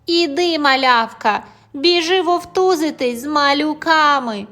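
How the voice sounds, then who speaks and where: A woman's voice: high-pitched, unhurried, fairly bright tone, pitched above the performer's own voice. Woman doing mocking older kindergarten boys. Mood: taunting. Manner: taunting.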